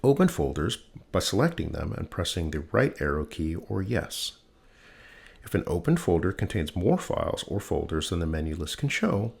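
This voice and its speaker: Hosting a sleep-aid reading, a man works through scripted technical text in a calm, measured voice, pausing deliberately. His voice sits low, with a creaky, breathy edge.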